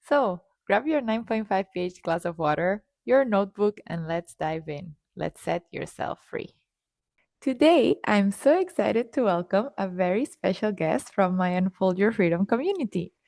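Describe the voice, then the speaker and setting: A woman's voice: medium pitch, animated, normal speed, gravelly, a little mellow, no echo, studio quality. A woman hosting a podcast, introducing her guest and asking questions in an upbeat, encouraging way. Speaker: podcast host. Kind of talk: podcast interview.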